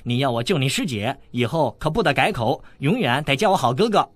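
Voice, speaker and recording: A man's voice: medium pitch, animated, brisk, dry recording, close to an everyday voice. Man voicing a brash boy rogue, audiobook, bragging and mocking. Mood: brash teasing. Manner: boastful, teasing, crude. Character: cheeky brash teenage boy rascal.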